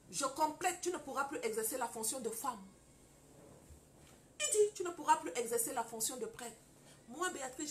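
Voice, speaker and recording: A high-voiced woman delivering a preaching testimony on marriage. She talks straight to her listeners, moving from hushed storytelling to loud, fervent declarations. A faint hiss sits under the voice. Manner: addresses listeners directly, scolding and exhorting. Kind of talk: testimony-style preaching to an audience.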